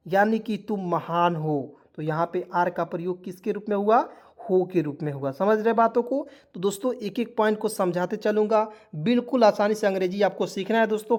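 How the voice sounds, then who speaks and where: Repetitive, coaxing male language teacher. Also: high-pitched. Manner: addresses viewers as friends constantly, asks questions then answers them; spells words letter by letter, repeats key points. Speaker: English teacher and channel host. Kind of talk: spoken video lesson with motivational asides.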